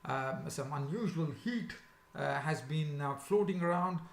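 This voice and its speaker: A man with a sore, swollen-sounding throat, hosting a casual, unscripted cricket preview in a halting, hesitant way. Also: a little high, gravelly. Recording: echoey, roomy sound.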